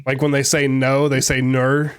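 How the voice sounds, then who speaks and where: A man from Alabama with a Southern US accent chats on a podcast. He is blunt and teasing, and his voice sits at an ordinary middle pitch. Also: monotone, fairly quick, clean tone. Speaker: podcast co-host. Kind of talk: casual podcast chat.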